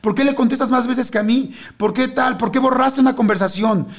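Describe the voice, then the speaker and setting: Un hombre imitando a una pareja celosa en plena pelea, con voz mucho más aguda de lo normal y acento mexicano. Lanza reproches y preguntas a toda velocidad, sin dejar respirar. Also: male voice, a little mellow. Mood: angry, accusing. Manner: high, fast, accusing rapid-fire questions. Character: heated quarrelling partner in a couple.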